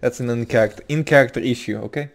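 A young man live-streams a roleplay game, talking fast in a medium-pitched, creaky voice. He mutters to himself as he types and often restarts his sentences.

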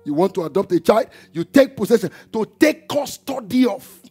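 A man preaching a church sermon, emphatic, with call-and-response shouts and chanting. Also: sits high, animated, moderate pace, breathy edge. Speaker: pastor. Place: church hall. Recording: church service with music and congregation behind. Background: music and congregation.

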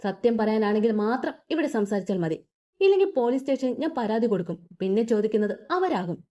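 A woman's voice: a little high, very animated, brisk, warm tone. A woman voicing a furious young husband who speaks harshly and makes threats, on a dull lo-fi recording. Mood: angry.

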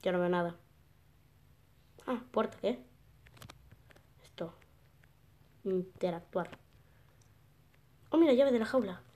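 A woman hosting a gameplay video speaks at an everyday mid-range pitch. She chats casually as she plays, thinking aloud and working things out on the spot. Now and then she breaks into a sudden, surprised exclamation. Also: lively intonation, slow pace, long pauses, dark tone.

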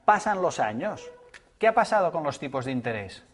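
Teacher firing rhetorical questions. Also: male voice, on the high side, fairly quick. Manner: lively, rhetorical questions to students, acts out dialogues. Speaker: economics teacher. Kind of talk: classroom lecture.

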